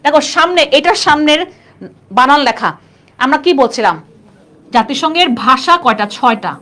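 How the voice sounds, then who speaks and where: A woman's voice: high-pitched, lively intonation, normal speed, a bit bright. A woman teaching a live online class, chatty and constantly quizzing her students. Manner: chatty, keeps asking students questions.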